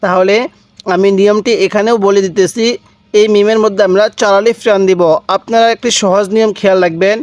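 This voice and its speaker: A man teaching Quran reading step by step, spelling out letters slowly and repeating each sound for learners. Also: high voice, steady tone, dry recording. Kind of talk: step-by-step recitation lesson.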